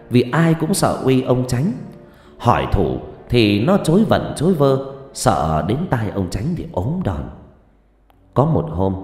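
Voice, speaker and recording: A man narrating a story in an expressive, measured storytelling manner. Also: on the low side. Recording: reverberant room with faint background music.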